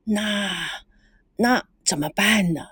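A woman's voice: medium pitch, slow, a bit bright, husky, no room sound, full character voice. A timid old grandmother speaks up only in a hesitant whisper, as a woman reads her part. The audiobook sound is close and dry. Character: older grandmother, timid and soft.

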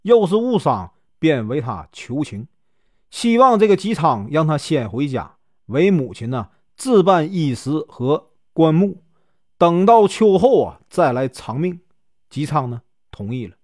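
A man's voice: a little high, very animated, darkish tone, no room sound, clean studio sound. A male storyteller with a Northeastern Mandarin accent, telling a classic tale in a chatty, folksy way. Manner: chatty, many drawn-out filler particles.

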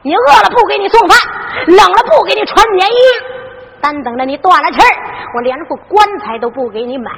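A woman's voice: extremely high pitch, big-room sound. A woman playing a foolish, blustering young son in a Henan zhuizi story performance, coaxing and threatening his father. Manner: coaxing then threatening, drawn-out.

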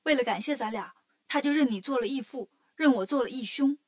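A woman's voice: high voice, fairly quick. A woman voicing an earnest young boy prince in a children's story, patiently explaining.

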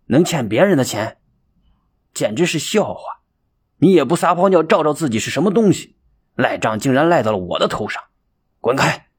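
A man's voice: medium pitch, sing-song, moderate pace, long pauses, breathy edge. A male storyteller voicing a rich, stingy older man who speaks harshly and scornfully.

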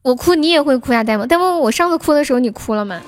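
A young woman hosts a casual livestream with a high, light voice. She chats with viewers and laughs often. Soft music plays faintly behind her. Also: animated, racing. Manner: chatty, laughs often, reads out viewer names. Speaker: livestream host.

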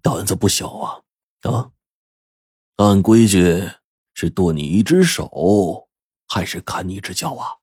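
A man's voice: low voice, expressive, slow, pauses often, husky, no room sound, studio quality, exaggerated voice. A man voicing a ruthless, hot-tempered male gang boss who swears and threatens. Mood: menacing. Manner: swearing, menacing, bursts of shouting.

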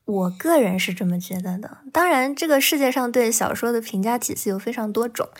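A woman's voice: fairly high pitch, brisk. Woman, novelist guest, casual podcast talk, reflective, candid. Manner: candid, reflective, laughs between thoughts.

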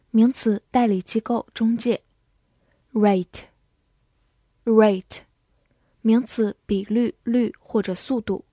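A woman teaching English vocabulary, saying each word twice and then listing its meanings in a measured reading. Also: medium pitch, a little mellow, husky, no room sound, clean studio sound.

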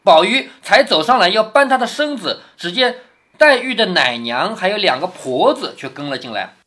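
A man's voice: high voice, sing-song, moderate pace, sharp tone. A man with a Changzhou accent reading a classic novel aloud to his daughter, stopping to explain passages and asking whether she follows. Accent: Changzhou Wu-accented Mandarin. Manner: explains passages, often adds tag questions to check understanding.

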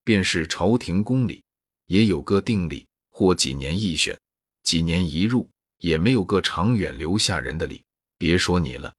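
Young maid, gentle but sharp-tongued, read by a man, low and husky. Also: expressive, moderate pace, no room sound, studio quality. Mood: reproachful.

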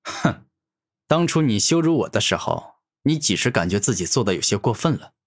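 A man voicing a cocky young male hero who taunts his enemy, with a husky voice. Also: fairly low pitch, very animated, moderate pace. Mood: lecturing. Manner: taunting, sneering.

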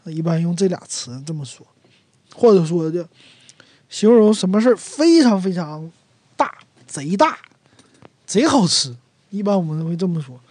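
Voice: medium pitch, expressive, normal speed, long pauses, darkish tone, husky, dry recording. A speaker from Northeast China with a Northeastern Mandarin accent, casually explaining local words and acting out sample phrases. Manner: chatty, acts out everyday sample phrases. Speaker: dialect explainer.

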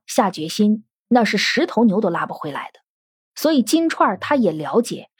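A woman's voice: a little high, darkish tone, husky, no room sound, studio quality. A woman giving podcast commentary on a classic novel, analytical and full of rhetorical questions. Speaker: literature commentator.

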